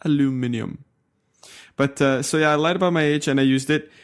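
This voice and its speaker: A young man from Canada co-hosting a casual tech podcast, talking in a relaxed, easygoing way and laughing along with his friend. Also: a little high, quick pace, clear, resonant tone. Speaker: podcast co-host.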